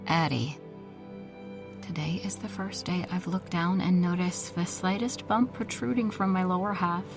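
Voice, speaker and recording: A woman giving first-person audiobook narration of a thriller in a tense, anxious way. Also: fairly low pitch.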